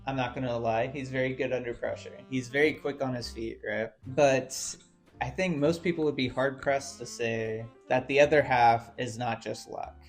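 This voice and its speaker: A young man delivers casual video-essay commentary in a chatty, conversational voice. He fills gaps with asides and filler words. His pitch sits mid-range over faint guitar music. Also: steady tone, normal speed. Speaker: YouTuber.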